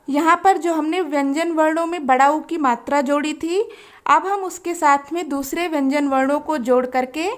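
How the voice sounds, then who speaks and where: A woman teaching a lesson, sounding out syllables slowly and clearly. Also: high voice. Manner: slow, clearly spelled-out syllables. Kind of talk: slow instructional lesson.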